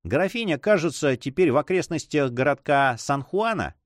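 A man's voice: fairly high pitch, expressive, moderate pace, no echo, studio quality, close to an everyday voice. A man voicing a cold, calculating spy in an audiobook, coolly polite and deferential. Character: cold, calculating male spy, greedy for gold. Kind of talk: audiobook reading.

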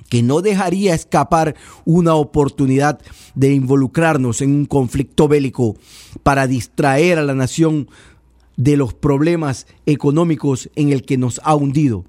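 A man's voice: on the high side, a little mellow, dry recording, studio quality. A man from Ecuador, giving political commentary in a sarcastic, pedantic and critical way. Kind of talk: radio-style political commentary.

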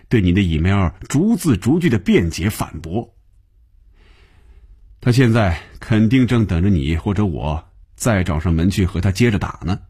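Brief: man doing a gruff office boss, husky, scolding, lively delivery. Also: on the low side. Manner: scolding, lecturing. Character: impatient male office manager, gruff.

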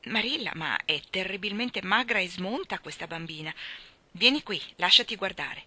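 A woman's voice: mid-range voice, lively intonation, measured pace, sharp tone, heavily acted. A woman reading aloud, voicing a blunt, nosy older neighbor who speaks in a scornful manner.

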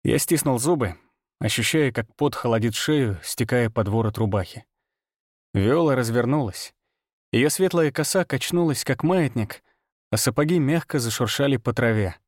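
A man narrating a fantasy audiobook in the first person, steady and measured. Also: medium pitch, no room sound, studio quality.

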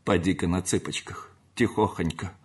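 A man's voice: deep voice, normal speed, a little mellow, husky. A man voicing a fussy, tender gentry mother, in an audiobook reading.

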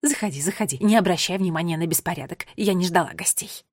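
A woman's voice: fairly low pitch, fast, dry recording, clean studio sound, lightly acted. A woman reading an audiobook voices a cheerful, welcoming female cellar keeper creature in a storybook tale. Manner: bubbly, welcoming.

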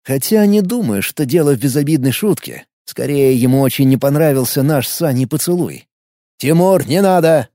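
A man's voice: medium pitch, lively intonation, a little fast, hardly any pauses, warm tone, no room sound, studio quality. A man narrating an audiobook in first person, with an ironic storytelling manner.

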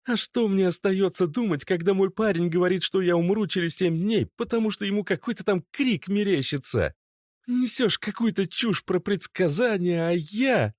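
A woman's voice: fairly low pitch, big pitch swings, a little slow, few pauses, darkish tone, dry recording, clean studio sound, pitched above the performer's own voice. A man voicing an angry, disbelieving young woman who snaps accusations at her boyfriend. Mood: furious. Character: young woman, quick-tempered, sharp-tongued girlfriend.

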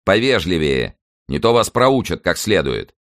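A man's voice: deep voice, sing-song, unhurried, fairly bright tone, no echo, clean studio sound, exaggerated voice. A man reading aloud and voicing a haughty nobleman who talks in a proud, commanding tone.

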